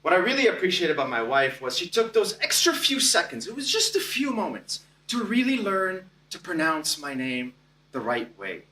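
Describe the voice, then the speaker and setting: A man delivers a contest speech, telling his story with deliberate pauses, high and bright in tone. His slow delivery swings expressively. He is heard from a distance in an echoey meeting hall. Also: big pitch swings. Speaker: contest speaker.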